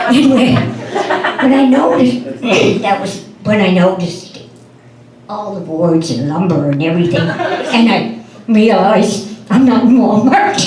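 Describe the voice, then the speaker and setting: A woman's voice: mid-range voice, very noisy. A woman doing stand-up comedy, telling folksy anecdotes and acting out the dialogue of the people in them. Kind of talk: stand-up storytelling. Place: comedy club stage before an audience. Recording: roomy sound from a distant mic.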